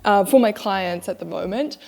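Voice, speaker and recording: A young woman talks straight to camera in a relaxed vlog, candid and a little self-mocking. Her mid-pitched voice has a gravelly fry at the ends of phrases, and she sounds close to a clip-on mic. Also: moderate pace. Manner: chatty, candid, self-deprecating. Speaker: social media manager vlogger. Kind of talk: casual vlog talk to camera. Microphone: wireless clip-on mic.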